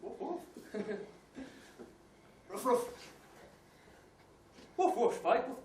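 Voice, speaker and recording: A woman's voice: fairly high pitch, very animated, drawn-out words, noisy background, exaggerated voice. A woman voicing a playful female pet dog on stage, barking woofs and ruffs. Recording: echoey stage recorded from far off.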